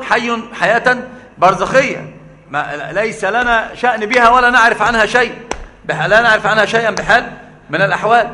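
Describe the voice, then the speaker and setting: A man's voice: high voice, bright, forceful tone, big-room sound. A man with an Egyptian accent explaining a book of religious creed, posing rhetorical questions and repeating his key phrases. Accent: Egyptian Arabic. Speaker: religious lecturer.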